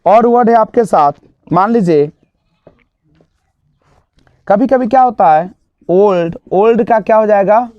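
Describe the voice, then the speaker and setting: A man teaching an exam-prep grammar lesson, asking the class questions and answering them himself, and drawing out example words slowly. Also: high-pitched, dry recording. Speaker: English teacher. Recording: dull, lo-fi dry sound.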